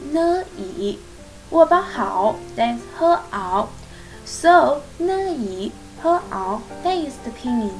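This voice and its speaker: A woman whose first language is Chinese hosts a channel, giving a casual spoken lesson in English with a Chinese accent. She halts and searches for words, using many fillers, yet stays encouraging and reassuring. Her pitch is fairly high, and the audio is poor.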